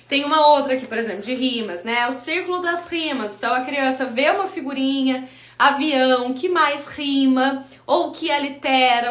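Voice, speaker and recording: Brazilian woman literacy teacher, bright and high voice, emphatic; roomy echo. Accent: Brazilian Portuguese. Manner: emphatic, rhetorical questions, sounds out letters. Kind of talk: teaching video talk.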